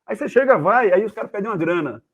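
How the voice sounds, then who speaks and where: A man with a Brazilian accent, a guest journalist, telling anecdotes in a casual, animated way and acting out the voices of the people in them. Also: sits high, rapid-fire. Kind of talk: casual storytelling. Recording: tinny phone-like video call audio.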